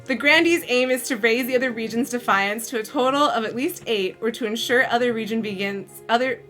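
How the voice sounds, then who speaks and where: A woman's voice: fairly high pitch, fairly quick, pushed and bright. A woman hosting a live game stream, chatting casually, giggling and reading out narration. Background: faint music.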